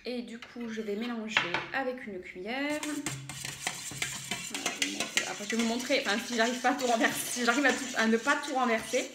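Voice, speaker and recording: A woman's voice: on the high side, normal speed, echoey room, very noisy. A woman walking through a recipe in a casual cooking tutorial at home, chatty and hesitant, with many fillers and self-corrections. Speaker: home cook demonstrating a recipe.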